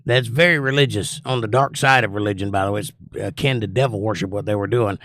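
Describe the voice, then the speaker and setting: A man's voice: on the low side, quick pace, a bit bright, dry recording, clean studio sound. A man with a folksy hillbilly drawl, chatting casually and opinionatedly as a livestream host. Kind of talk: casual livestream chat, monologue answering viewers.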